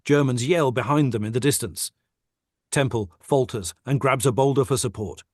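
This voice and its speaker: A man's voice: mid-range voice, normal speed, dry recording, clean studio sound. A man reading the stage directions of a script steadily and matter-of-factly in a table read over a video call.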